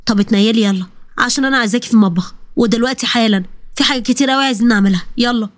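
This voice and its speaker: A woman's voice: on the high side, very fast, natural voice. A woman voicing a bossy, scolding Egyptian mother who orders her daughter around. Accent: Egyptian Arabic.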